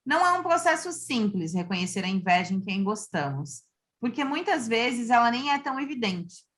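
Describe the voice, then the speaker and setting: A woman in her thirties from Santa Catarina, co-hosting a podcast in a lively manner, chatting and reading prepared segments. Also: fairly high pitch, moderate pace. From Santa Catarina, Brazil. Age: 30s. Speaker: podcast co-host. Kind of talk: podcast chat and scripted reading.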